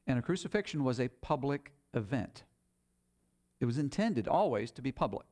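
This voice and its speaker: A man's voice: mid-range voice, big pitch swings, moderate pace, darkish tone. A man preaching a sermon, retelling scripture in plain, conversational paraphrase.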